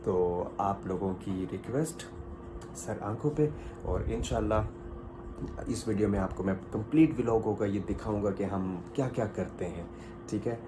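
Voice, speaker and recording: A man's voice: lowish voice, moderate pace, noisy background. A man, a doctor, talks casually to his viewers while getting ready and at his hospital office. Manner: chatty, addresses viewers as brother. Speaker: doctor vlogger. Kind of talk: casual vlog monologue.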